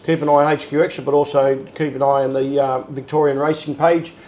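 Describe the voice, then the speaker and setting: A man co-hosting a casual chat at home, relaxed and rambling with lots of fillers. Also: medium pitch, fast talker, poor audio. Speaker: co-host.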